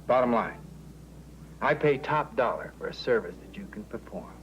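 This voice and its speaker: Man playing a slick oily recruiter, slow sales pitch, faint hiss behind, old tv drama. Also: lively intonation, close to an everyday voice, poor audio. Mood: persuasive. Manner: persuasive, oily, drawn-out. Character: smooth-talking male baby-racket recruiter. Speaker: baby racket recruiter. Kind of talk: 1980s TV drama acting.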